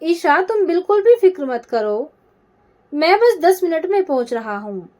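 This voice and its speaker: A woman voicing a caring young man who calmly reassures. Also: very high voice, a little slow, heavily acted. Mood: reassuring. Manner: soothing, reassuring.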